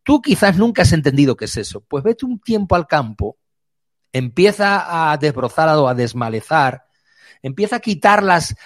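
A man preaching a sermon, vivid, moving between quick runs and slow emphatic words. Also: fairly high pitch, no room sound, studio quality.

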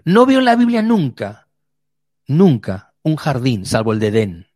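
A man preaching a sermon, vivid, moving between quick runs and slow emphatic words. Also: medium pitch, wildly swooping pitch, darkish tone, dry recording, studio quality.

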